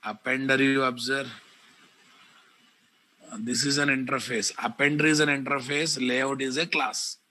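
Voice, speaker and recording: A man with a Telugu Indian English accent teaching a live online software class, repeating phrases and addressing his students directly. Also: medium pitch, fairly even intonation, unhurried, long pauses. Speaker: programming teacher.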